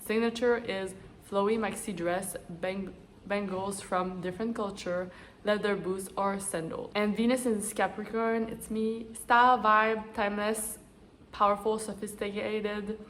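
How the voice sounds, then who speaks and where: A woman's voice: medium pitch, steady tone, unhurried, a bit bright, slight background noise. A woman with a stuffy, congested nose chatting to camera as an astrology and style vlogger. She runs through lists of traits and drifts into chatty personal asides. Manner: chatty, list-like delivery with asides. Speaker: astrology and style vlogger, energy-healing coach. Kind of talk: casual talk to camera, listing traits.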